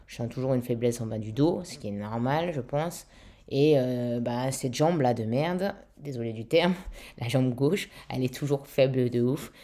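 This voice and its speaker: A woman's voice: very deep voice, moderate pace, warm tone. A young woman chatting casually in a vlog, swearing freely and using lots of fillers, her throat still a little weak. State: throat slightly weak after intubation. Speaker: vlogger.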